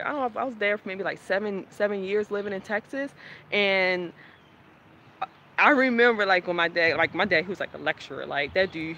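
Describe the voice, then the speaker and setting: A woman's voice: medium pitch, pushed and bright, a little hiss or hum. A young woman, talking candidly in a personal vlog, rambling and laughing often. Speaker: vlogger.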